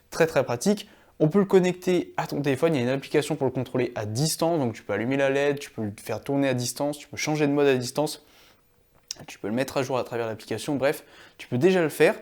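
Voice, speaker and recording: Out in a small courtyard, a young man reviews a gimbal in a casual demo, rambling with plenty of fillers and false starts. His voice is mid-range and slightly mellow.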